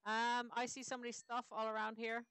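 A woman hosts a let's play with easy, playful chatter as she plays. Her voice sits a little high and comes across smooth and clean. She is recorded close up in a dry, quiet setting. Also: little pitch movement, brisk, no echo. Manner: playful and chatty, bursts into silly sing-song. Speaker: host of a Minecraft let's play. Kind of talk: casual gameplay commentary.

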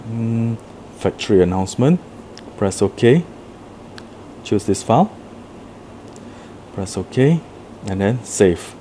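A man's voice: fairly low pitch, animated, slow pace, long pauses, dark tone, a little hiss or hum. A man casually walking through a product demo, explaining each step plainly in an office room. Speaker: product demonstrator. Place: indoor office room with a table.

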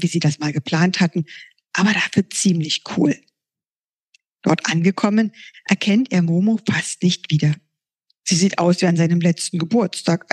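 A woman author reading her children's storybook aloud in a lively, expressive way. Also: fairly low pitch, breathy edge.

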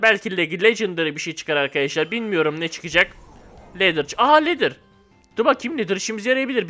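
A young man giving casual gameplay commentary, excitable and loud at times, then dropping to a flat mock-calm mumble. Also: sits high. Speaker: gamer.

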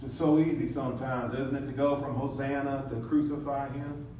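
A man's voice: medium pitch, little pitch movement, normal speed, warm tone. Guy preaching, dramatic, acts out the crowd, big echo, faint hiss. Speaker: pastor. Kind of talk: sermon. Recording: echoey room, from a distance.

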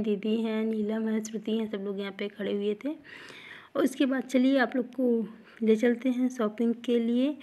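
A female vlogger of about thirty chats to her audience in a voice-over, sounding mellow and soft with a fairly high pitch. She keeps her intonation quite flat and tends to repeat herself, looping back to the same point as she talks to viewers directly.

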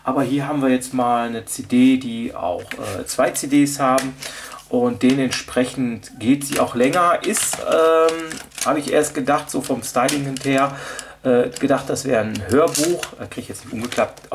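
A vlogger presents his audio drama collection from an indoor table, off camera, chatting casually and unscripted. His talk is rambling and hesitant, as if he's working things out aloud. The voice is medium-pitched, creaky, and at a normal speed, with slight hiss or hum.

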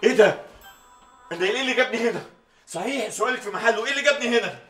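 A bumbling, stammering Egyptian husband. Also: male voice, extremely high pitch, very fast, fairly bright tone, distant mic, soft background music. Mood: evasive. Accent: Egyptian Arabic. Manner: stammering, rambling excuses. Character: bumbling, evasive man fumbling excuses. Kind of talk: sitcom acting. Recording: roomy set, voice from off-mic.

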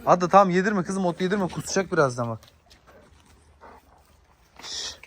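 A man's voice: high voice, lively intonation, normal speed, slight background noise. Man barking commands at dogs outdoors. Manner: sharp commands to dogs, shooing them back. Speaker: dog owner and father filming his dogs. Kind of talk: casual vlog talk to viewers.

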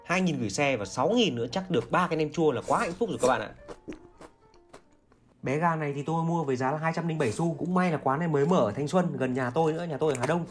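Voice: medium pitch, fast, soft background music. A vlogger in their twenties, talking chattily to viewers in an eating video while their mouth is full of chicken. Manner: chatty, addresses viewers directly. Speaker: mukbang vlogger.

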